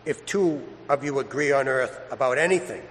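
Speaking at medium pitch with animation and a fairly bright tone, a male priest reads the Gospel and delivers a homily at normal speed. His style is chatty, full of everyday examples and acted-out asides. The big church gives him a cathedral-like echo with a long reverb tail.

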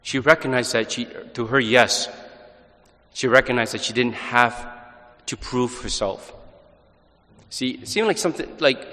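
A priest in an echoing, cathedral-like church. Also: male voice, mid-range voice, a bit bright. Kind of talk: liturgical gospel reading and homily. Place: large reverberant church. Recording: long cathedral-like echo, reverberant hall.

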